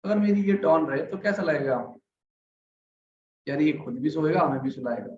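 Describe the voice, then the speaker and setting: A man's voice: on the high side, lively intonation, reverberant, muffled recording, slight background noise. A man giving a casual lesson on communication skills, asking his listeners "right?" often and acting out his examples. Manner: chatty, asks the audience "right?" often; acts out examples by speeding up, slowing down and getting louder.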